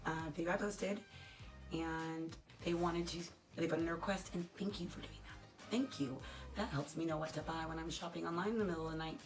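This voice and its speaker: A talkative woman with a fairly low voice, crackly and dry, rambling casually to her viewers during an unboxing. She pokes fun at herself as she goes, and soft music plays faintly behind her. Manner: chatty, rambling, self-deprecating. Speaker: unboxing vlogger. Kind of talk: casual unboxing chat to camera.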